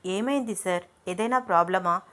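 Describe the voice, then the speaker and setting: A woman's voice: brisk, close to an everyday voice. A woman doing a jealous, fiery young woman. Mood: pleading. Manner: sharp, indignant, raised pitch. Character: young woman, jealous, quick-tempered, lovestruck.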